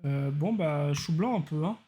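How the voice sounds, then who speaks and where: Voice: mid-range voice, measured pace, breathy edge. A streamer casually commenting on a courtroom video game and reading its lines aloud. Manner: relaxed, chatty asides. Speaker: let's play streamer. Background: faint game music.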